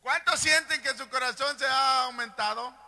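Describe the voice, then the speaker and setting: High, sharp-voiced preaching man. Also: moderate pace. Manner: fervent preaching, swings from hushed to shouting. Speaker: pastor. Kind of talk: sermon. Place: church pulpit.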